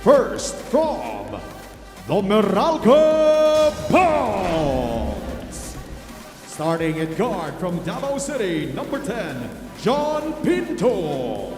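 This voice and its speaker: A man's voice: sits high, huge pitch swings, very slow, a little mellow. A man working as a stadium announcer, calling out team lineups and stretching and belting the names. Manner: draws out and belts players' names. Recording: echoing arena PA with long reverb, music behind.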